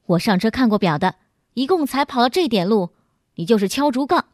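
A woman voicing a crafty country man newly arrived in the city, in a lowered, plainspoken voice. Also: animated, fairly quick, dry recording, studio quality, natural voice. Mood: indignant.

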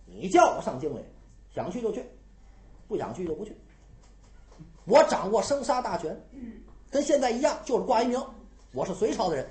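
A storyteller voicing a stern, commanding military lord in a traditional storytelling performance, speaking bluntly and forcefully. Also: medium pitch, big pitch swings, fairly quick, pauses often, roomy sound, lightly acted. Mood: demanding.

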